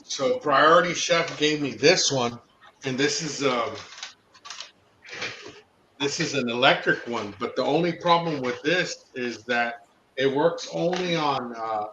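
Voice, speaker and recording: A man's voice: medium pitch, slow, pushed and bright, roomy sound, lo-fi sound, slight background noise. A man chatting casually on a livestream, swearing easily while eagerly showing off kitchen gear. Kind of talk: casual chat.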